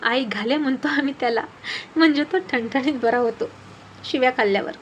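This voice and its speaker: A woman's voice: sits high, brisk, dull audio, a little hiss or hum, lightly acted. Woman doing a jolly older village man. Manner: jolly, teasing, folksy. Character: cheerful older village man, always laughing.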